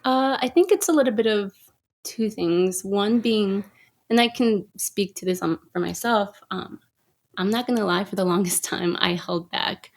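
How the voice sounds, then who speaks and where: A woman's voice: medium pitch, moderate pace. A woman photographer as a podcast guest, talking reflectively with hesitant restarts. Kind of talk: conversational interview.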